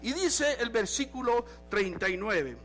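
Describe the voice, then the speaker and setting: A male pastor delivers an animated sermon and tosses in the odd English phrase. His voice sits high for a man. Soft music plays faintly behind him. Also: unhurried.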